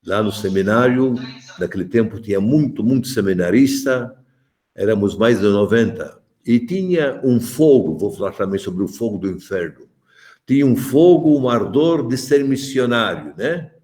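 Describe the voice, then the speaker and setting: A man's voice: fairly low pitch, lively intonation, normal speed, a little mellow. A man in his seventies from Malta, a bishop giving a joking, chatty catechesis talk to adults and calling on them by name. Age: 70s.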